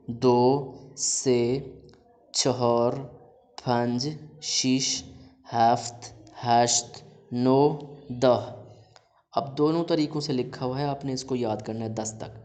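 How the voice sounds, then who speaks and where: A man teaching a recorded language lesson, reading out word lists slowly and then explaining each word plainly to his students. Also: medium pitch, fairly even intonation, a little mellow. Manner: addresses students directly with instructions.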